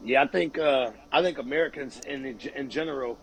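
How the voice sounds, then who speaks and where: A man's voice: medium pitch, brisk, creaky, a bit bright, a little hiss or hum, low-quality recording. A man hosting a casual podcast chat, talking in a loose, slangy way peppered with swearing. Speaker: podcast host, interviewer.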